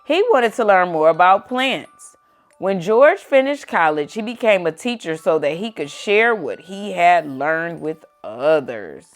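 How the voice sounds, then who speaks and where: A woman with a lowish, animated voice reads a children's story aloud a little slowly, using plain wording and pausing to chat with a young child. Background music plays throughout.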